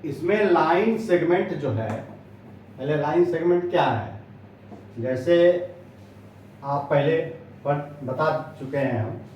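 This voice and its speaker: A man teaching a school maths lesson, speaking slowly with many pauses as he points things out on the board. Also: a little high, slight background noise. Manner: slow, pausing, points while explaining. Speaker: maths tutor. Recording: echoey, distant, dull lo-fi sound.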